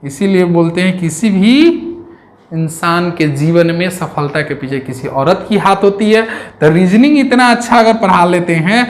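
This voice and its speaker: A man's voice: sits high, moderate pace. Guy teaching reasoning, keeps asking questions, roomy echo. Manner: chatty, counts aloud, asks rhetorical questions. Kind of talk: classroom lecture on exam reasoning.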